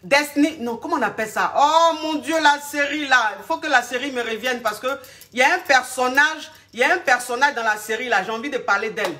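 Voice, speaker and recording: A woman coaching her viewers on relationships in a loose, chatty live talk. Her voice is bright and forceful. She rambles, stalls and searches aloud for the words she wants, speaking to her audience as if they were friends. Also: high voice, fairly quick. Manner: addresses the audience directly and familiarly.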